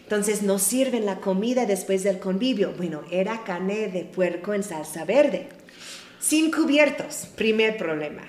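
A woman's voice: mid-range voice, animated, measured pace, a little mellow, echoey room. A woman from Michigan, a missionary, telling stories in a conversational way and often ending sentences with a questioning tag. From Michigan, United States. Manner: chatty, tags sentences with a questioning "no?". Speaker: missionary guest. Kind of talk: conversational storytelling.

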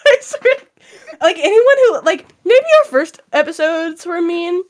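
Teen girl podcaster, high voice, rambly and giggly. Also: expressive, unhurried. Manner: chatty, laughing, filler-heavy. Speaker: podcast co-host. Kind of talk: casual chat.

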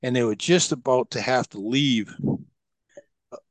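In an unhurried, medium-pitched voice, a middle-aged podcast guest tells long, rambling stories, casual in tone and full of fillers and restarts. The recording has no echo.

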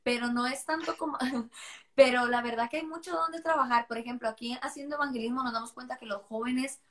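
Her voice sits high, with a steady, fairly bright tone and a brisk pace, as she chats animatedly and casually about her missionary work. She is from Costa Rica and speaks with a mixed Costa Rican and Spanish accent.

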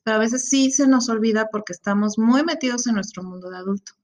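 A middle-aged woman with a Mexican accent chats in a relaxed group talk. Her voice sits a little high, and she tells stories in an animated, expressive way. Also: fast talker. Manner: animated storyteller. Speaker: podcast co-host. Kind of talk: casual panel chat.

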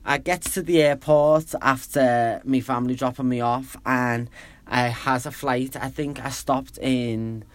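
A man's voice: mid-range voice, steady tone, measured pace. A man in his thirties from Liverpool with a Liverpool accent, hosting a podcast and telling a story in a rambling, chatty, self-deprecating way. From Liverpool, England. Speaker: podcast host. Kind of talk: casual solo storytelling.

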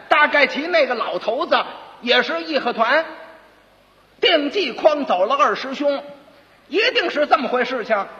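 A man with a Beijing accent voicing a scornful, sharp-tongued county magistrate who mocks and laughs coldly. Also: extremely high pitch, heavily acted. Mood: mocking. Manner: mocking, laughing, cold sneers. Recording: dull lo-fi recording with long reverb.

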